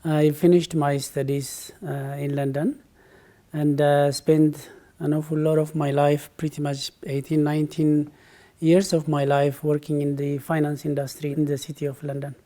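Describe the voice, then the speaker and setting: A middle-aged Ethiopian man, a guest in a conversational interview, gives thoughtful answers full of fillers and restarts. His fairly high voice is dark in tone and flat in delivery, at a moderate pace.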